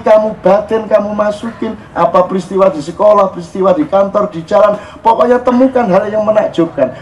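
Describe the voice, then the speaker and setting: A man giving an informal religious talk to a crowd, lively and joking, dropping into phrases and acting out exclamations. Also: high-pitched, a little hiss or hum, low-quality recording. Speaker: religious speaker at a public gathering. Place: open-air public gathering.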